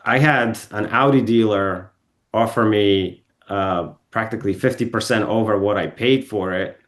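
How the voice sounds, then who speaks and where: A man's voice: lowish voice, moderate pace. A man from Bulgaria, a podcast guest telling car stories in a rambling way, full of ums and restarts. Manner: rambling, self-correcting, with frequent ums and restarts. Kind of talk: casual storytelling interview. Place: podcast studio.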